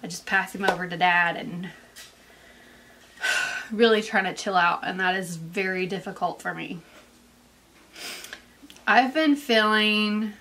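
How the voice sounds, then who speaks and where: A young woman talks straight to camera in a casual vlog, her voice bright and a little sharp. She is out of breath and stuffed up from sinus allergies, and she rambles on with plenty of "like" fillers. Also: mid-range voice, takes it slowly, pauses often. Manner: chatty and rambling, full of "like" fillers. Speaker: vlogger. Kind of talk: casual pregnancy update vlog.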